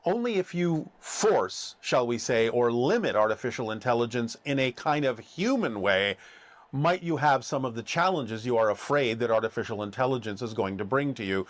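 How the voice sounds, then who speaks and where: A man answering questions in a formal, measured way, speaking as "we" and slowing down on key phrases. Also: mid-range voice, expressive, no echo.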